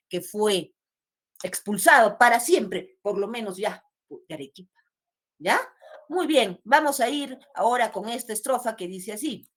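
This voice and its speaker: A woman teaching literature, explaining a poem line by line and answering her own questions. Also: medium pitch. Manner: asks questions and answers them herself, explains word meanings. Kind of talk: classroom lesson explaining a poem.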